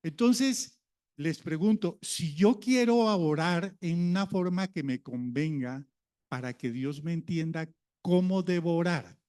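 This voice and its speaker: A man's voice: a little high, a little slow, a little mellow, clear, resonant tone. A man preaching a sermon, a pastor who talks in a conversational way and keeps asking the congregation questions.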